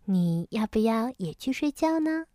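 A woman reading a bedtime story aloud, slow, soft and expressive. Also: fairly high pitch, no room sound, clean studio sound.

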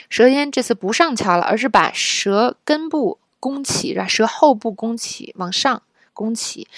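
A woman's voice: mid-range voice, vocal fry, no echo, studio quality. A woman from China teaching English pronunciation in a casual spoken lesson, explaining patiently and often checking in with the listener.

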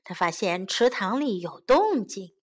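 A woman narrating a bilingual children's story and teaching simple English sentences. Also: medium pitch. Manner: slow, clear, expressive.

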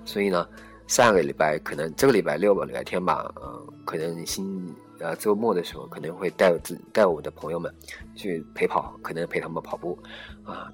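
A man talks through a casual solo podcast in a low voice. He speaks quickly and rambles, circling back with fillers and restarts. Faint music sits behind him. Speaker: podcast host.

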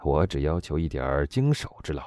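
A man playing a cool, measured Englishman. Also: rumbling low, sing-song, darkish tone, clear, resonant tone, dry recording, clean studio sound. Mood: businesslike. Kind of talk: audiobook dialogue reading.

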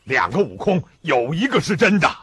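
A man's voice: fairly high pitch, sing-song, moderate pace, husky, no room sound, heavily acted. An actor playing an earnest, loyal male monk disciple in a TV drama, reporting eagerly to his master. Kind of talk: TV drama acting.

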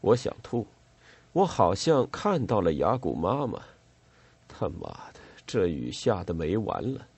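A man's voice: low-pitched, huge pitch swings, measured pace, vocal fry, darkish tone, breathy edge, no echo, full character voice. A man doing a curt, exasperated lieutenant. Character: irritable, worn-out male army lieutenant.

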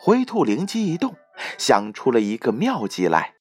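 A lively male children's storyteller. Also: mid-range voice, normal speed, husky, soft background music. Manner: expressive, storytelling tone. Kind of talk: scripted storybook narration.

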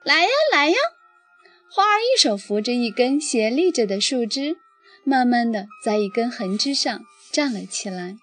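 A woman reading a children's story aloud as storyteller, expressive and lively. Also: a little high, normal speed, slightly rough. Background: faint background music.

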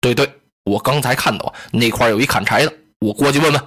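A loud, hot-tempered general barks his questions in a big, slightly husky voice, pitched below the storyteller's own. A man acts him out in Chinese oral storytelling. Blunt and impatient, he never softens. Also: fast talker, natural voice. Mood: gruff impatient. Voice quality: booming loud voice. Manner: blunt, impatient, shouting gruffly.

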